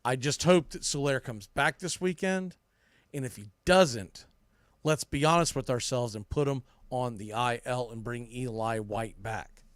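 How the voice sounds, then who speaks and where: A medium-pitched man speaking a little slowly hosts a sports podcast, giving unscripted baseball takes in a blunt, emphatic way. He often restarts and repeats phrases, captured in studio quality with no room sound.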